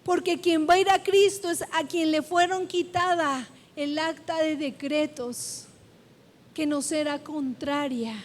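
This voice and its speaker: A woman pastor preaching a sermon in a church, emphatic and repetitive, drawing out her phrases. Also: very high voice. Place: church sanctuary. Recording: long church-hall reverb.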